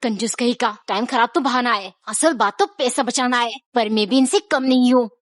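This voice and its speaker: A woman narrating a string of comic stories in a brisk, lively way. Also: fairly high pitch, no echo, studio quality. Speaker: joke narrator. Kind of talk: storytelling jokes.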